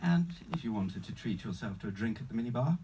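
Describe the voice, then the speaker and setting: A man acting as an unflappable, courteous travel agent with a faintly sinister sales pitch, in a screenplay table read. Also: expressive, quick pace, mellow, recorded from a distance, slight background noise, natural voice. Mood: polite, salesman-like. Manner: formal, courteous, salesman-like, calls the customer sir.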